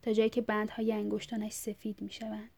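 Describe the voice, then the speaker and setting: A woman narrating a story aloud in a measured, even way. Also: mid-range voice, vocal fry. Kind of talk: audiobook reading.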